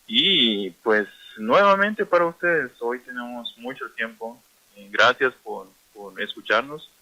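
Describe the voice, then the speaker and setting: A man teaching a language lesson on radio, explaining words slowly and repeating them for learners. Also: medium pitch, lively intonation, pushed and bright, no echo, dull audio.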